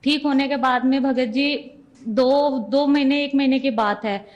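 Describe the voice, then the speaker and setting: A young woman with a fairly high voice tells her story of faith in an earnest, homely way. She keeps retelling who said what, one exchange after another. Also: fairly even intonation, a little slow, highs cut off. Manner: earnest, retells conversations with repeated 'I said'. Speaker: devotee giving testimony. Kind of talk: personal testimony storytelling.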